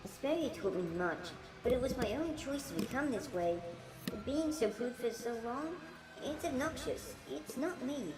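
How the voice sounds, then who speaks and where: A woman's voice: high-pitched, animated, moderate pace, reverberant, rough recording. A woman voicing a teasing, sinister winged woman in amateur game voice acting. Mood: smug seductive. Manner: coy, taunting, amateur acting. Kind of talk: amateur game dialogue reading. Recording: music behind the dialogue.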